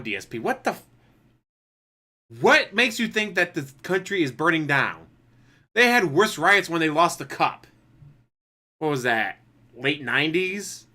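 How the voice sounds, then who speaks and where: A man's voice: fairly high pitch, pushed and bright. A man reacting live to another streamer, making sarcastic, mocking comments.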